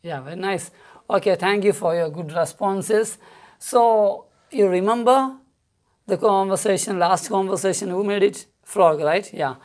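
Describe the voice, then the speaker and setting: A woman's voice: medium pitch, a little mellow. A woman with a Malayali accent teaching an online primary school lesson, asking questions and praising answers. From India. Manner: slow, coaxing, asks children questions and praises answers.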